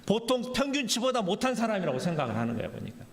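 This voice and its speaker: A man preaches a Sunday sermon with a gravelly, fairly high voice that swings widely in pitch. He acts out blunt, challenging questions and keeps tagging his sentences with the same refrain. The sound carries the long reverb of a church hall. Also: huge pitch swings, quick pace. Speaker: pastor. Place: church sanctuary. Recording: echoey church hall, faint background noise.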